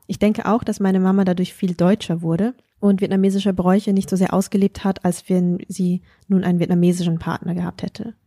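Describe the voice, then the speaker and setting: A woman's voice: fairly low pitch, level tone, fairly quick, few pauses, warm tone, no echo, studio quality. A woman hosting a podcast, chatting casually and reading out a listener's message. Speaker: podcast host.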